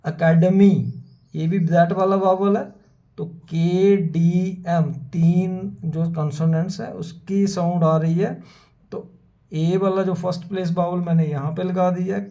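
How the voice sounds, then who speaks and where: Slow gravelly shorthand teacher. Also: male voice, high voice, fairly even intonation, mellow. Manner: methodical, repeats words slowly for students. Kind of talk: whiteboard lesson explanation. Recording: dull lo-fi sound.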